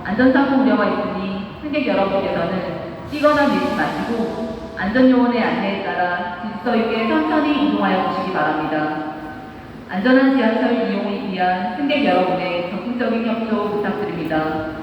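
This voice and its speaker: A woman giving a formal, measured and polite scripted safety announcement over a public transit PA system. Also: medium pitch, animated, soft background music. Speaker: station announcer. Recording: echoey station PA, distant, muffled, noisy.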